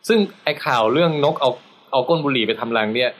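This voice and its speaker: A man's voice: medium pitch, fast, a bit bright. A man co-hosting a casual talk show, telling a news story in a chatty way with fillers and frequent laughter. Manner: chatty, laughs often, thinks aloud with fillers. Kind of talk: casual chat.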